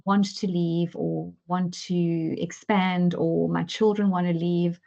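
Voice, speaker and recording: A South African woman, managing director at an advisory firm, speaks as an advisor in a webinar discussion, hesitant and full of fillers and repeated words. Her voice is fairly low, slow, creaky and warm with little pitch movement, and the audio sounds dull.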